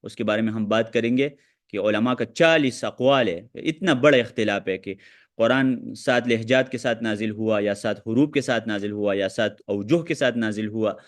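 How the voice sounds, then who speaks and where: A man teaching a hadith lesson who talks quickly and quotes Arabic texts while answering questions. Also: on the low side. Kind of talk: online lecture with questions.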